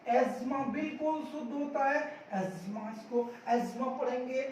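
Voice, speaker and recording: A man's voice: extremely high pitch, unhurried, a little mellow. A man teaching English pronunciation, repeating each word and quizzing the viewer before giving the answer. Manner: drills by asking and answering, repeats words emphatically. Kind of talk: spoken-English lesson. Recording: echoey room, mic at a distance, faint noise.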